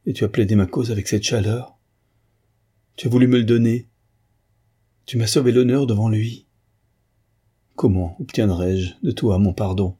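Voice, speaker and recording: A man's voice: fairly low pitch, steady tone, moderate pace, pauses often, dark tone, husky. A man reading an audiobook, voicing a young widow who pleads with shame and remorse. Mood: remorseful. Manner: supplicating, remorseful. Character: young widow, ashamed and imploring.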